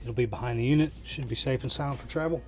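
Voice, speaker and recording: A man's voice: mid-range voice, fast talker, soft background music. A man inside a small camper giving a casual, hands-on installation tutorial, plain-spoken and thinking aloud as he works. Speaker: DIY RV vlogger.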